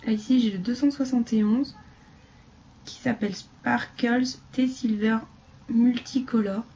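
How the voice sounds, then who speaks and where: A woman chatting casually through a beauty haul video, rambling with fillers and dropping into quiet asides. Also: a little high, fairly even intonation, measured pace. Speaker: beauty vlogger.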